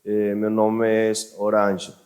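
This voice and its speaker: A man's voice: fairly low pitch, completely flat delivery, slow, a little mellow, dull audio. A Venezuelan man speaking Portuguese with a Venezuelan Spanish accent, giving a hesitant personal testimony full of fillers. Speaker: guest speaker.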